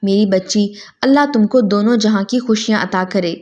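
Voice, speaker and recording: A woman's voice: mid-range voice, a little mellow, muffled recording, natural voice. Woman reader as a firm, loving older father, storybook style.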